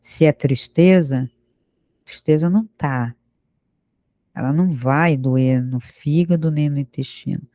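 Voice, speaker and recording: Mellow-voiced Brazilian man lecturing. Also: a little high, measured pace, no room sound. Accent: Brazilian Portuguese. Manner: fires rhetorical questions at listeners; acts out the excuses of imagined people. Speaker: spiritual teacher. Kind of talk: spiritual lecture.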